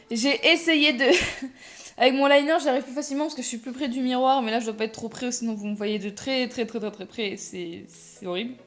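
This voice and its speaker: A young woman talking through a casual makeup tutorial, chatty and self-mocking, full of fillers and restarts. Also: a little high. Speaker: makeup vlogger.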